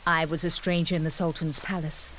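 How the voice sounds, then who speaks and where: A woman's voice: deep voice, little pitch movement, fairly quick, fairly bright tone, slight background noise. An actress dubbing an anxious royal mother who pleads with her son in a historical drama. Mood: pleading. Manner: pleading, earnest. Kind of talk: English dub of a historical drama.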